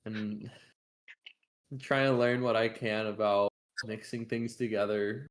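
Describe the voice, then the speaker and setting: A man's voice: on the low side, level tone, unhurried, rough recording. A man playing a tabletop game, chatting casually and in character.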